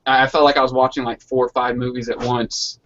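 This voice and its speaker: Talking fast in a level tone, a man with a medium-pitched, fairly bright voice keeps up casual, slangy, sweary chat. The online hangout call carries his voice with a dull, lo-fi quality.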